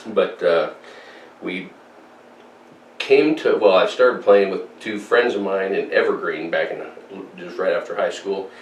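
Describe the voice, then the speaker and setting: A man in his fifties, a musician guest, telling stories in a relaxed way with dry humor. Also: sits low, unhurried, a little hiss or hum. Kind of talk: casual interview chat. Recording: roomy distant mic with faint ambience.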